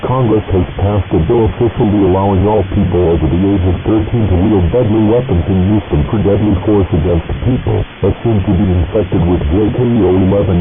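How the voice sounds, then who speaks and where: Deep-voiced male announcer for an emergency broadcast cutting in over programming, tinny, hissy signal. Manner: formal, even, official reading. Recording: tinny noisy broadcast audio.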